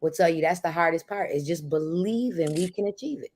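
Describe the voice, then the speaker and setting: Lady with a lowish voice, casual motivational talk on a livestream. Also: brisk, darkish tone. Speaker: livestream co-host, content creator.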